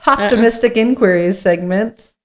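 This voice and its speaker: A woman with a fairly high voice co-hosts a podcast, chatting casually in a playful, jokey way and sometimes reading from notes. There's a little hiss or hum in the recording.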